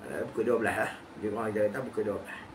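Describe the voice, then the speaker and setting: A man teaching a religious text, posing questions to his class and answering them, repeating key phrases slowly. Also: fairly low pitch. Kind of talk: kitab study lecture. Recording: noisy recording with background ambience.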